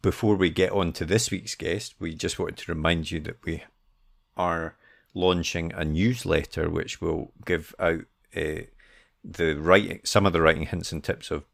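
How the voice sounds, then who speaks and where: Man, podcast co-host, rambling casual chat, very deep with gravel in it. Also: fairly even intonation, measured pace, fairly bright tone. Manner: loose, rambling delivery with many fillers.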